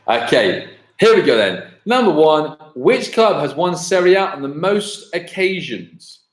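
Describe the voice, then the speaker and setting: A man hosting a live online quiz, chatty and given to thinking aloud and correcting himself. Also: a little high. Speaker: quiz host. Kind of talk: live-streamed pub-style quiz hosting. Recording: echoey room.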